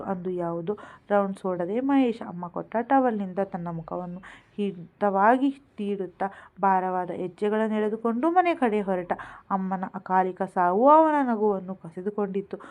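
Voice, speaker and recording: A woman reading a moral story aloud as a storyteller, steady and emotional. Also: medium pitch, moderate pace. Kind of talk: scripted story narration.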